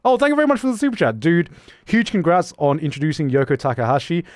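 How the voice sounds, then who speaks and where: With a fairly high-pitched voice recorded dry and in clean studio sound, a young streamer chats casually and reads viewer messages. His English accent is mixed with a slight British tinge, and he's animated, laughing often and making many quick restarts.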